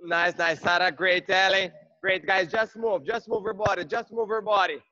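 High-pitched, hard-driving gym-bro fitness coach, male. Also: steady tone, normal speed, bright, forceful tone, muffled recording. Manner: high-energy gym-bro encouragement, clipped repeated praise. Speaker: group fitness instructor. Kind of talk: workout class coaching, shouted cues and countdowns. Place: large indoor gym, on a video call.

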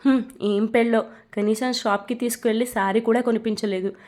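A woman's voice: a little high, fairly even intonation, brisk, darkish tone, close to an everyday voice. A woman reading as a frightened young bride. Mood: wistful. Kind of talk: storybook reading.

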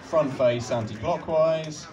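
A man's voice: on the high side, muffled recording. A young man on an outdoor stage at night, politely giving step-by-step instructions into a handheld mic. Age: young adult. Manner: patient, polite, slow instructions with soft laughs. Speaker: instructor guiding a cube solve. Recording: distant mic with crowd and music.

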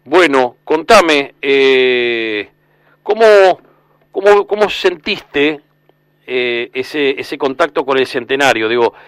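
Rambling Argentine radio host. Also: male voice, mid-range voice, expressive, slow pace, fairly bright tone, clear, resonant tone, no echo. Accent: Rioplatense Spanish. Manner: rambling questions with many restarts. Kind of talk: casual radio interview.

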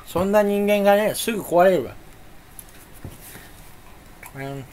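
A man's voice: sits high, unhurried, a little hiss or hum. A young man chatting alone to camera, rambling playfully and mocking himself while sucking on a candy. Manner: playful, self-mocking muttering with sudden loud outbursts. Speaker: YouTuber. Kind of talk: rambling solo chat.

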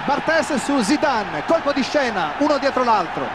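An Italian man giving live football commentary with excited, urgent goal calls in short breathless bursts. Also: extremely high pitch, normal speed. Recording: noisy old TV broadcast, stadium din. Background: loud stadium noise.

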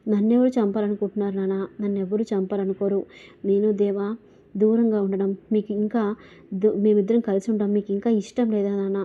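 A fiercely defiant young married woman presses her questions in an insistent, confrontational way, as a woman narrator puts her on. The delivery stays fairly flat in pitch. The recording sounds dull and lo-fi. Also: brisk, natural voice. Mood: angry.

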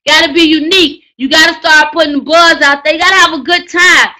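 A woman teaching a writing class, coaching loudly and repetitively in slangy, preacher-like exhortation. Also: high voice, fairly even intonation, a little fast, poor audio. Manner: loud, hollering, preacher-like exhortation. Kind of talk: live online class on book promotion.

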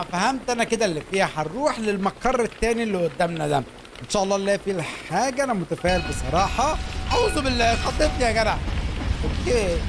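A young man with an Egyptian accent giving playful, excitable gameplay commentary as a gaming YouTuber, full of jokey slang. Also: high voice. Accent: Egyptian Arabic. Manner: excitable, playful, jokey street slang, cries out when startled. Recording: clear background noise.

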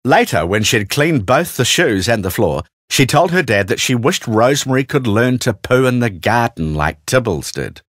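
A man's voice: mid-range voice, moderate pace, few pauses, no echo, clean studio sound. A man with a New Zealand accent narrating a children's storybook, putting on character voices. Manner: animated, doing character voices.

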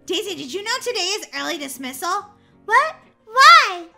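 A woman voicing an excitable, bossy little girl with a childlike, exclaiming manner in a children's toy story. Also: very high voice, moderate pace, gravelly, faint music behind, full character voice. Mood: excited.

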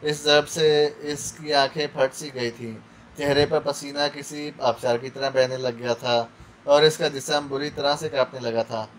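A man narrating a spy thriller audiobook in measured storytelling style. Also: mid-range voice, fairly even intonation, slight background noise, rough recording. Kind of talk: dramatic novel narration.

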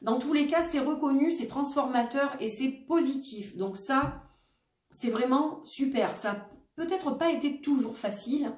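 A woman doing a daily oracle card reading for her viewers, gentle and reassuring, often repeating herself. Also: sits high, far from the mic. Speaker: tarot and oracle card reader. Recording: roomy echo, voice set back from the mic.

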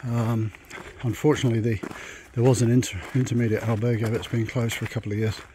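A man's mid-range voice, mellow and flat in delivery, comes quickly as he walks a long pilgrimage route and vlogs, rambling about his plans as if thinking aloud. He's outdoors on a countryside dirt track. It's a noisy walking recording full of rural outdoor sound.

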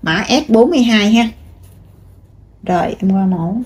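A woman's voice: mid-range voice, animated, normal speed, a little mellow, slightly rough. A woman, showing bags one by one and chatting straight to her viewers, with many fillers. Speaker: online seller. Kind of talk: casual product showcase.

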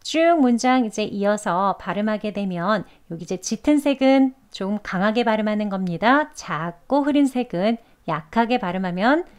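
A woman with a Korean accent teaching English pronunciation, slowly and carefully demonstrating each sound. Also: medium pitch, smooth. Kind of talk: pronunciation lesson.

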